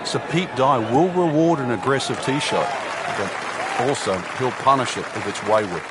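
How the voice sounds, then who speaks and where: A man playing a measured, knowledgeable golf analyst giving analytical co-commentary on a sports broadcast. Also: mid-range voice, close to an everyday voice. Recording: loud crowd and outdoor ambience noise. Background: loud crowd, outdoor ambience.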